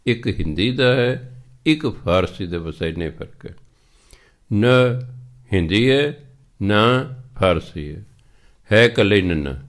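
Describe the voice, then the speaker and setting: A man with a Punjabi accent preaching a scripture exposition, explaining verses and chanting them slowly. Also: lowish voice, expressive. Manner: slow, chants scripture lines in a drawn-out cadence. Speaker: religious preacher.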